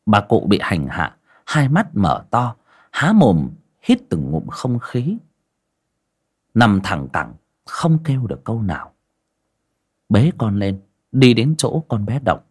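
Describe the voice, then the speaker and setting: A man tells a village ghost story in a low, husky voice. His delivery is dramatic, with wide, animated swings of pitch. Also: slow pace, long pauses. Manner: expressive, dramatic.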